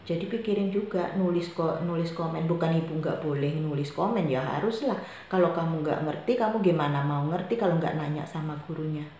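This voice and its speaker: A woman's voice: deep voice, brisk, warm tone. A woman homeroom teacher giving her students a firm briefing, repeating her reminders. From Indonesia. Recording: very echoey room with faint noise.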